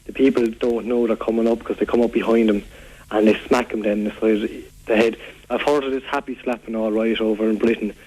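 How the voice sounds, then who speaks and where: A man with a County Waterford Irish accent makes a prank call to a local radio show, posing as an aggrieved, rambling local who is fed up with youths throwing food and earnestly complains on the phone-in. His voice is on the low side, darkish and slightly rough, with a flat, quick delivery. The recording quality is low.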